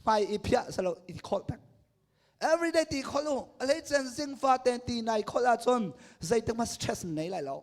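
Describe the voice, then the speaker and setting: A man, a pastor, preaching a sermon at a crusade and swinging between loud and hushed delivery. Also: extremely high pitch, big pitch swings, moderate pace.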